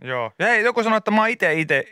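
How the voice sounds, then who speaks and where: Bright, crisp-voiced male radio host. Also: sits high, dry recording, studio quality. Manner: animated storytelling, playful anecdotes with acted quotes. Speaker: radio morning show host. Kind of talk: casual radio banter. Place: radio studio.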